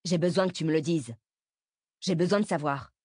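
A woman's voice: low voice, moderate pace, darkish tone, no room sound, studio quality. Woman voicing a defiant teenage boy. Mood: probing.

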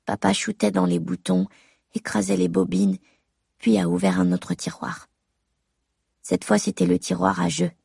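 A woman reading a first-person audiobook in a measured, intimate tone, as if talking to her mother. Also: lowish voice, flat delivery, gravelly, warm tone, husky, dry recording, studio quality. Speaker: audiobook narrator.

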